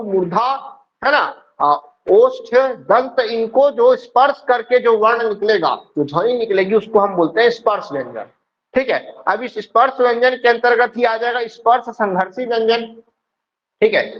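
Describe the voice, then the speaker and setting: A male teacher lectures in a high voice, checking after nearly every point that the class is following. He poses questions and answers them himself. The recording is dull and low-fidelity. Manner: explains step by step, keeps checking with "ठीक है". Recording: dull lo-fi sound.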